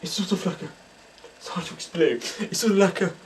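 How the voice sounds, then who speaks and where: A man playing a breathy, gasping fake psychic. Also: high voice, recorded from a distance, slight background noise, close to an everyday voice. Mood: dramatic. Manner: halting, dramatic whispers and gasps. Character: hammy male stage psychic, breathy and theatrical. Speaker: spoof psychic medium. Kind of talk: comic mock-documentary acting.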